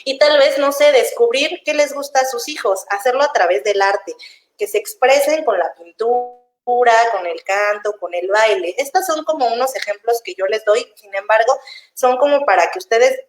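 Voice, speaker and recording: A woman's voice: fairly high pitch, animated, normal speed. A young woman, explaining child development in a chatty, casual way and laughing easily. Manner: warm, chatty, laughs easily, acts out parents' voices. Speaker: child development specialist guest. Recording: echoey room.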